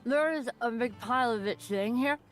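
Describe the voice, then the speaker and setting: A woman's voice: on the high side, a little fast, soft background music, natural voice. Woman voicing a laid-back, food-loving fighter. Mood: easygoing. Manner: relaxed and offhand. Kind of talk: game voice acting.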